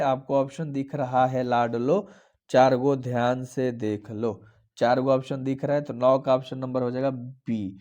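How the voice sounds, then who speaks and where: Man, Bihari Hindi accent, young adult, exam walkthrough, repetitive and coaxing, dark voice, lo-fi sound. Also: mid-range voice. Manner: repetitive, coaxing, calls students darlings. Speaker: teacher. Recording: dull lo-fi recording.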